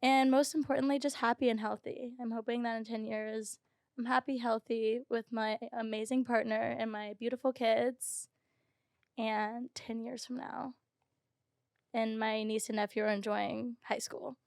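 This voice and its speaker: A woman in her twenties, a podcast guest talking casually, full of "um" and "like" and quick laughs. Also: on the high side, flat delivery, gravelly, no echo, clean studio sound. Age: 20s. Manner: chatty, laughs often, says "um" and "like". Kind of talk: casual chat.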